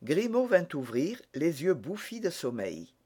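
A man reading a novel aloud as narrator, slow and measured. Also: a little high, huge pitch swings, a little mellow, breathy edge. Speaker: audiobook narrator. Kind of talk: scripted narration.

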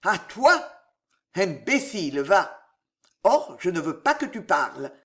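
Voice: mid-range voice, big pitch swings, slow pace, pushed and bright, exaggerated voice. A reader voicing a cruel, sinister old miser uncle who mocks and threatens his nephew. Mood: menacing. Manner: mocking, menacing, laughs darkly.

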